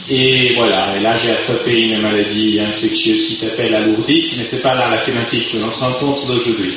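A man from Italy speaking French with an Italian accent, giving a chatty, self-mocking talk to a youth group. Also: medium pitch. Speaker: physician guest speaker. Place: large tent at a youth camp. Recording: echoey tent with clear background noise.

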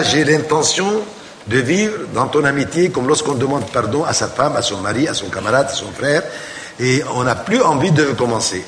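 A man, a priest, preaching a sermon with animated storytelling. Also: mid-range voice, roomy sound, big-room sound, a little hiss or hum.

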